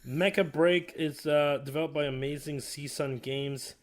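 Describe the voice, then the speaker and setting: A man's voice: fairly high pitch, fairly even intonation, unhurried. A man hosting a casual games showcase commentary, ranting with plenty of swearing and exasperation. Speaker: host.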